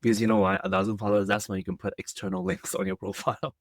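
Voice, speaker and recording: A man's voice: lowish voice, level tone, racing, dry recording, studio quality. A young man co-hosting a podcast in casual chat, teasing and matter-of-fact. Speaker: podcast co-host.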